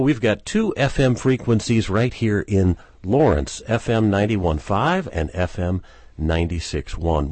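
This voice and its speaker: A man's voice: on the low side, dry recording. A man hosting a public radio pledge drive, telling station history with an upbeat push to donate. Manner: lively storytelling, upbeat appeals. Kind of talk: casual pledge drive chat.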